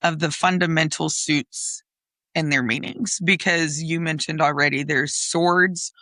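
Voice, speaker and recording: A woman co-hosting a podcast, explaining things in relaxed casual chat with fillers and laughs. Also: low-pitched, measured pace, no echo. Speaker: podcast co-host.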